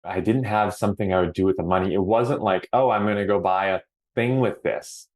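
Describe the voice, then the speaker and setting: A man from Hawaii with a notably low, deep voice, speaking as a podcast guest. He sounds earnest and reflective, stretching out the words he wants to stress. He is middle-aged and relaxed in a casual interview. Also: fairly quick.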